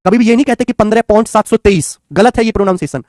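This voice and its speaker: Male math tutor, high voice, close and dry sound, patient and repetitive with students. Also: racing, a little mellow, dry recording. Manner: coaxing, repetitive, addresses students as children and friends. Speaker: math teacher. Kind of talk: online exam-prep lecture.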